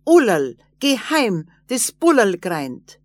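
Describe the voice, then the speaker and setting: A woman's voice: mid-range voice, expressive, takes it slowly, no echo. A woman voicing a small, stern male wood-man spirit who scolds and calls out in a fairy tale. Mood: calling.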